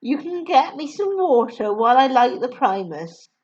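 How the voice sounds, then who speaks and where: A woman voicing a kind, gentle schoolteacher in a storybook reading. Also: high voice, sing-song, normal speed, lo-fi sound, pitched above the performer's own voice. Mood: instructing.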